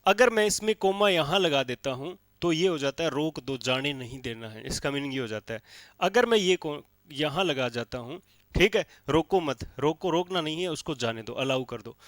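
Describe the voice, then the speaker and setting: A man's voice: on the high side, a bit bright, no room sound, clean studio sound. A male teacher giving a classroom lecture in speech, explaining step by step and checking in often with his listeners. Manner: explains step by step with frequent checks like "theek hai".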